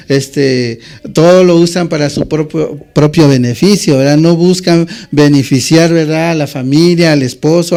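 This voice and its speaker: A man's voice: high voice, gravelly, darkish tone. A male pastor, preaching in a conversational way and checking in with the congregation with constant tag questions. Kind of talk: sermon.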